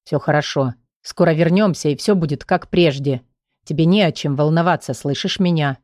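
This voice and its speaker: A woman voicing a gentle young man. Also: on the low side, normal speed, no room sound, clean studio sound, lightly acted. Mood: soothing. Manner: soft, gentle, reassuring. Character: young male student mage, calm, protective.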